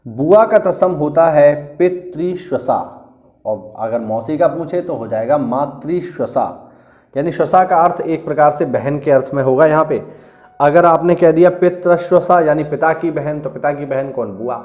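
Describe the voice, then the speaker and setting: A man's voice: fairly high pitch, measured pace, a little mellow. A man teaching an exam-prep lecture, explaining patiently and repeating key words for emphasis. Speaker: Hindi teacher.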